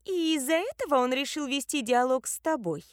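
A woman's voice: high-pitched, expressive, a little fast, no echo, studio quality, pitched above the performer's own voice. A woman voicing a small, jealous, spiteful young woman from a sect, hissing and snapping in an audiobook. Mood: suspicious. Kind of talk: audiobook character voice.

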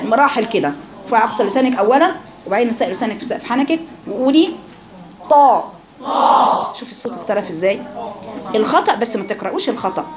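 A woman with an Egyptian accent teaching a live Quran recitation class. She drills letter sounds and quizzes her students. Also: a little high.

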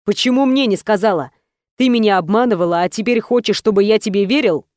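A jealous young man snaps in curt, gruff, scornful lines, as a woman narrator voices him. The voice sits at an ordinary middle pitch. It is recorded dry and close for an audiobook. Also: fast, a little mellow, no room sound, natural voice. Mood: angry. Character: angry jealous young man, harsh and accusing. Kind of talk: audiobook character voice.

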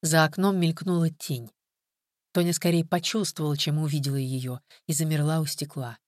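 A woman narrating an audiobook with a low voice and a steady, even read. The sound is dry and close to the mic. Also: moderate pace, no echo. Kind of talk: scripted narration.

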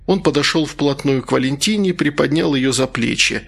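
A man reading an audiobook in an even, steady, scripted narration. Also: medium pitch, fairly quick, gravelly, breathy edge.

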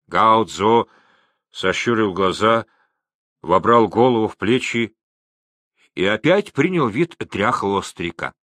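A man reading a novel aloud as audiobook narrator, slow and expressive. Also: lowish voice, dry recording. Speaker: audiobook reader.

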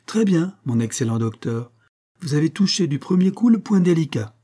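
A man's voice: medium pitch, moderate pace, dark tone, slightly rough, natural voice. A man voicing an enthusiastic male traveler who speaks with eager emphasis.

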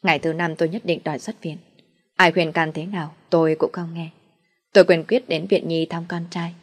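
Low, breathy woman telling a story. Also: fairly even intonation, brisk. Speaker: narrator. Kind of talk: first-person story reading.

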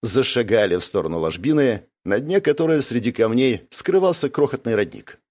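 Expressive male audiobook narrator. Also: medium pitch, fairly quick. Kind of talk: scripted narration.

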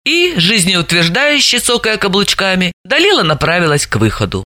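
A woman narrating an audiobook in an expressive storytelling manner. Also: medium pitch, normal speed, no echo, clean studio sound.

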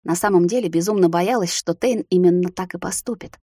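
A woman narrating a novel in the first person, in a steady, measured reading. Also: lowish voice, breathy edge, dry recording, studio quality. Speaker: audiobook narrator.

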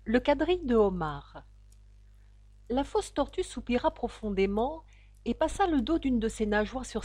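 A woman narrating a classic children's storybook in a measured reading voice. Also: on the high side, a little mellow, no echo, studio quality. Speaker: audiobook reader.

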